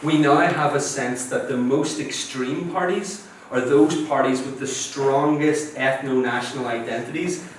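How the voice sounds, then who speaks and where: A man gives a university lecture, explaining step by step and checking in with his listeners. His voice sits at an ordinary middle pitch. It booms around a large, very reverberant hall, heard from a distance over faint ambience. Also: measured pace, a little hiss or hum. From Northern Ireland. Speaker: guest lecturer.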